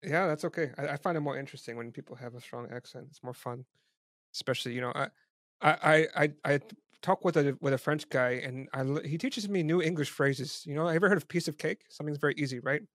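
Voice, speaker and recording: A man's voice: a little high, quick pace, a bit bright, no room sound, clean studio sound. A man hosting a casual interview, self-deprecating and stammering on repeated words. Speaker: podcast host.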